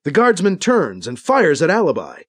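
Brief: male audiobook narrator, slightly high voice, lively melodic delivery, steady storytelling. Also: moderate pace, slightly rough, no room sound, clean studio sound.

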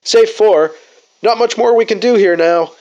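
A man doing a pilot signing off over a radio comm, high in pitch and terse in manner. The line is muffled and dull. Each phrase is short and formal. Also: a little slow, darkish tone. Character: weary male pilot signing off.

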